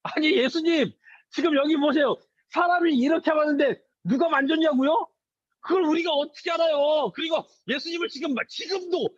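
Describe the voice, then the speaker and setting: A man's voice: very high voice, moderate pace, pitched above the performer's own voice. A man voicing a group of baffled male disciples protesting in a crowd, in a raised, exasperated tone, on a slightly dull lo-fi recording.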